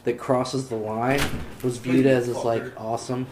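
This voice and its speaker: A man hosting a casual movie podcast with friends, chatty and quick to laugh, often saying "like". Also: mid-range voice, flat delivery, background noise. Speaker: podcast host. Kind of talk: casual chat about movies. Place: home garage. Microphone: handheld audio recorder.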